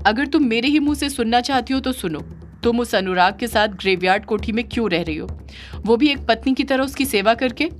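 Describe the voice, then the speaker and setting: A woman's voice: on the high side, expressive, brisk, a little hiss or hum, voice pushed up, natural voice. A woman voicing a jealous male yaksha spirit in an audio story, pleading and accusing in a raised voice.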